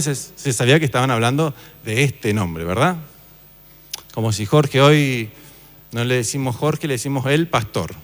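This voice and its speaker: A man giving an informal Bible class, talking casually and quizzing his listeners. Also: medium pitch. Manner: conversational, asks the audience questions. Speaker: church teacher. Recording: reverberant hall.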